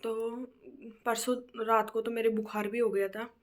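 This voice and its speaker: A young woman chats casually to her phone camera in a bedroom, her voice hoarse from a cold. She talks in a lively, rambling way and laughs often. Her voice sits a bit high for a woman. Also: measured pace. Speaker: vlogger. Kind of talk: casual home vlog chat. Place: bedroom at home.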